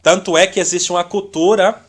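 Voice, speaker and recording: A man's voice: sits high, steady tone, brisk. A man gives an informal church teaching, full of "né?" tags and little acted-out dialogues. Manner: conversational, constantly adds "né?" tags; acts out little quoted dialogues. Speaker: discipleship teacher.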